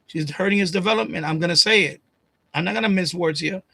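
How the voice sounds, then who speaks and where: A livestream host in his late fifties rants emotionally to his audience, talking fast in a high, bright voice that is gravelly and slightly rough. He rambles, swears freely, repeats the same phrases, and his voice climbs when he gets upset. He speaks close into a desk USB condenser mic at home, and the sound is dry with almost no room echo.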